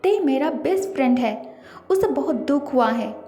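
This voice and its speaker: A woman's voice: sits high, expressive, normal speed, dark tone, pitched above the performer's own voice. A woman voicing a loyal, caring young man who coaxes and reassures his friend. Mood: defiant. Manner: coaxing, reassuring. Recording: echoey reverberant room.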